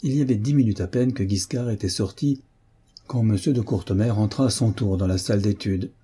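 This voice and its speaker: A man reading a novel aloud as a narrator, in a measured, even storytelling delivery. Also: fairly low pitch, slightly rough. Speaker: audiobook reader. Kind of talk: scripted narration.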